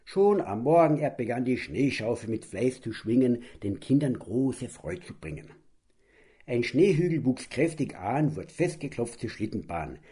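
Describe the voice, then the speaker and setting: A man narrating a rhyming children's storybook in a sing-song, animated way. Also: medium pitch, unhurried. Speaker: audiobook narrator.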